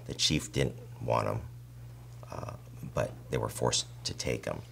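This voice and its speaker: A man with a very deep voice full of gravelly fry puts frank points in an interview. He is deliberate and politely challenging. A faint hum and noise sit behind his voice. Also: a bit bright. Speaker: interviewer representing department members. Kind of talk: interview questioning with long statements. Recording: clear background noise and hum.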